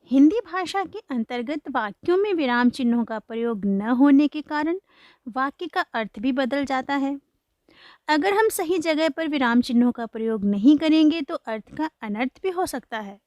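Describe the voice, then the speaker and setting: A woman teaching a grammar lesson for children, slowly explaining and reading example sentences aloud. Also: sits high, darkish tone, no echo, studio quality. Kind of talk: classroom-style lesson for children.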